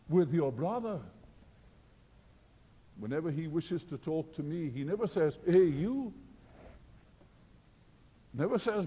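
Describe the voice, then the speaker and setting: Male preacher, high mellow voice, slow and earnest, long hall reverb. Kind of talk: sermon.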